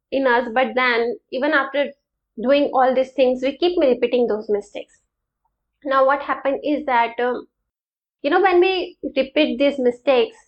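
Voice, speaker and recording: High-voiced woman telling a personal story. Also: highs cut off. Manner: chatty, storytelling, frequent um and uh. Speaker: vlogger. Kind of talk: casual reflective talk to camera.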